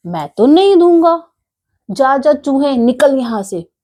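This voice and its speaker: Lady playing a grumpy storybook sweet-shop guy shooing someone off, voice pitched up. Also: big pitch swings, takes it slowly, mellow, heavily acted. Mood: gruff. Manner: gruff and dismissive, then fawning. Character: grumpy male sweet-maker shopkeeper.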